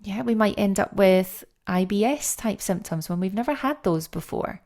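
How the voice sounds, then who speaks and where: A middle-aged woman explaining things step by step as a guest coach in a podcast interview, with lively, animated stresses. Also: medium pitch, normal speed.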